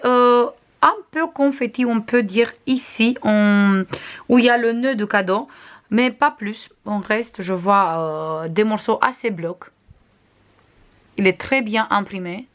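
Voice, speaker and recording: Chatty woman with a non-native accent. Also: mid-range voice. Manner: chatty, frequent hesitations, shows items to camera. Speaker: crafts vlogger. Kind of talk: casual unboxing review.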